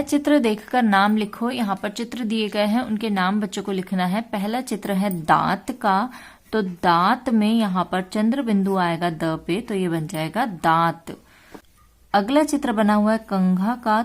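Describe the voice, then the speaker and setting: A woman walking through a children's worksheet as a teacher, in a patient, slow and explanatory way. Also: mid-range voice. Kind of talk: step-by-step worksheet walkthrough.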